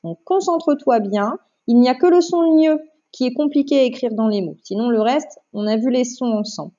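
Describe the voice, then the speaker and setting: Brief: woman teacher, fairly high mellow voice, patient dictation, muffled lo-fi sound. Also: normal speed. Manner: patient, clear, repeats and stresses syllables for dictation. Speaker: primary school teacher. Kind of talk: remote phonics lesson to a child. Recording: dull lo-fi home recording.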